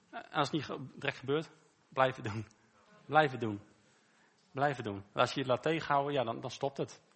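A man preaches in an easy, conversational way with a bright, forward tone. He asks his listeners rhetorical questions and repeats short phrases for emphasis. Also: medium pitch. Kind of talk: informal sermon.

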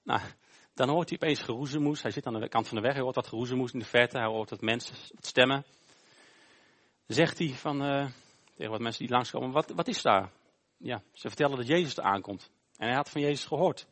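A man preaches a sermon during a church service. He retells a Bible story plainly and informally, stopping to search for words. His voice sits at a middling pitch. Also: quick pace, a bit bright. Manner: informal, storytelling, with frequent hesitations. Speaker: pastor.

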